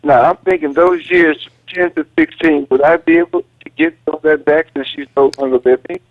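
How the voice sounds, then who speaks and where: A polite male caller talking in a plain, halting way over a phone line that keeps cutting in and out. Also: fairly high pitch, steady tone, no echo. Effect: phone line breaking up, voice cutting in and out. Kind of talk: call-in radio conversation.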